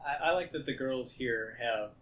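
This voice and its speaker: A man with an everyday mid-range voice co-hosts a casual podcast. He delivers dry, deadpan remarks and talks through scenes in an easy, conversational way. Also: mid-range voice, normal speed, slight background noise. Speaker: podcast co-host. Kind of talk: casual chat.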